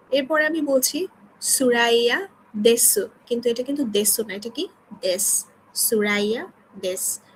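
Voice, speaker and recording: A woman's voice: on the high side, a little hiss or hum, low-quality recording. A woman from Bangladesh teaching beginner Japanese, explaining patiently and checking in often with her students. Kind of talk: online beginner class explanation.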